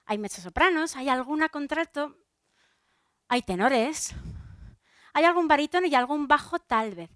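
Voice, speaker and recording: A Spanish woman, a soprano, gives a lively talk on stage into a microphone, her voice a little high. She talks straight to the audience in a chatty way, stopping and restarting her sentences. The sound is close and dry, with no room echo. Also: moderate pace, pauses often. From Spain. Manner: chatty, addresses the audience directly, many fillers and restarts. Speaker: soprano giving a public talk.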